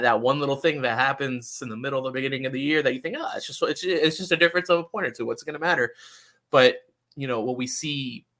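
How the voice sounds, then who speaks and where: In a casual podcast chat, a man with a mid-range, sharp-toned voice delivers opinionated football analysis. He keeps it conversational and often checks in with "you know."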